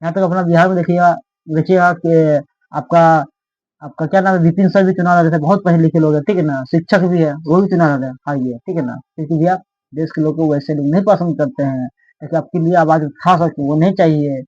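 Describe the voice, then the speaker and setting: A man's voice: a little high, fairly even intonation, fairly quick, a little mellow, no echo. A man giving casual political commentary, rambling and constantly asking his listeners "right?". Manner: rambling, keeps asking "ठीक है ना?". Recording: dull, lo-fi dry recording.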